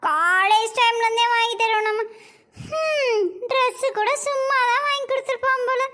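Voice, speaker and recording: A woman's voice: very high-pitched, normal speed, pushed and bright. A woman acting a jealous, sarcastic wife who nags and grumbles in a comedy sketch. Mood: grumbling. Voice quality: sarcastic, nagging. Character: jealous sharp-tongued wife, middle-aged.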